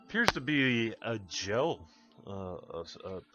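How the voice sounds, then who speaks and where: A man with a fairly low voice runs a tabletop roleplaying game. He describes and rules in a casual, conversational way. The recording is a little muffled, with music playing behind. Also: very animated, measured pace, bright, forceful tone. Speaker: game master. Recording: muffled lo-fi audio with background music. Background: background music.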